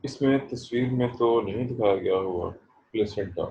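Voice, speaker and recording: A man teaching a botany class online, explaining terms slowly and stressing how to pronounce them. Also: on the low side, warm tone, reverberant, muffled recording. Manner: slow, explanatory, stresses pronunciation. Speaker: botany professor. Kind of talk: online lecture.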